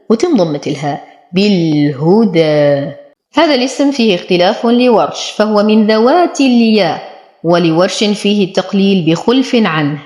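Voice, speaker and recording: A woman's voice: lowish voice, darkish tone. Woman teaching recitation in an echoey room. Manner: explains each letter step by step, then says the word slowly. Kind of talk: tajweed lesson.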